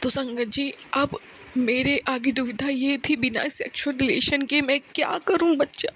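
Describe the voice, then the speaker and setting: A young woman tells a personal testimony to a congregation from home, speaking softly and pleading, with frequent direct address to her listeners. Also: high-pitched. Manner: speaks softly and hushed on purpose. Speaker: devotee sharing testimony.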